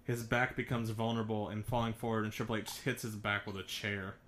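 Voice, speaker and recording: A man's voice: fairly low pitch, flat delivery, a little fast, a bit bright, slight background noise. A man co-hosting a podcast, recapping a wrestling match move by move in a laid-back way. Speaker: podcast co-host.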